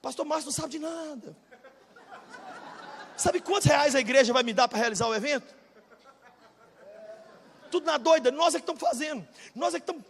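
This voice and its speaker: High husky brazilian preacher guy, 40s, yelling then going quiet, big echoey church. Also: fairly quick, long pauses. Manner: shouting bursts, then dropping low and confiding. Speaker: pastor. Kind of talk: energetic sermon. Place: large church hall, live audience. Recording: reverberant church hall.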